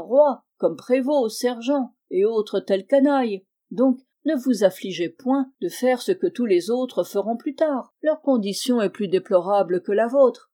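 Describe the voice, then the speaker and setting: A cunning, glib sorcerer from a classic audiobook tale, as a woman reads him, preaching in a lofty, wordy way. The voice is mellow and soft-edged, with an even, measured delivery. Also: a little high.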